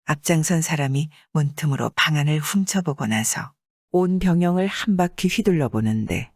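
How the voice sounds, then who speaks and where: A man narrating an old tale as an audiobook, in a measured, expressive storytelling manner, on a close mic. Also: a little high, no echo.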